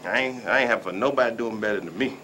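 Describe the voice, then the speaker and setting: Very fast and pushed bright, a fairly low male voice rolls through a boastful, rambling comic rant with banter for a local talk show. The speaker is from Dayton, Ohio and in his forties, recorded in a small indoor room with a little hiss or hum.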